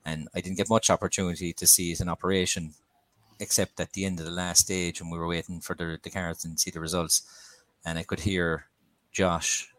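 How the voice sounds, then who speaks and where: A man's voice: deep voice, a bit bright, no echo. An Irish man talking casually as an interview guest, often repeating his words and phrases. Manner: repeats himself. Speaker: podcast guest, rally organiser.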